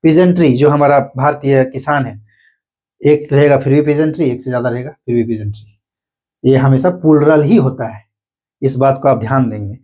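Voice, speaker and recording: A man's voice: medium pitch, normal speed, dark tone. A man with an Indian accent teaching English grammar, repeating each point and answering his own questions. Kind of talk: explanatory online lesson.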